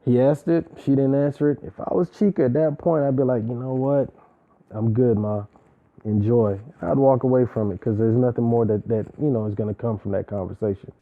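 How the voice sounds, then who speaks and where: Brisk and fairly even in intonation, a man with a mid-range voice casually recaps a reality show, voicing strong opinions in emphatic slang and preachy asides. The sound is tinny and phone-like.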